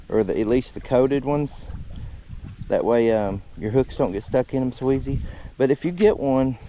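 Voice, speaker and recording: A relaxed man with a drawl chats about his gear in a loose, rambling way, at an everyday mid pitch. He is out on a lake in his kayak, and plenty of outdoor noise sits under his voice. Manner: laid-back, rambling, folksy. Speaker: kayak fishing vlogger. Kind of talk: casual outdoor gear talk. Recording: noisy outdoor audio.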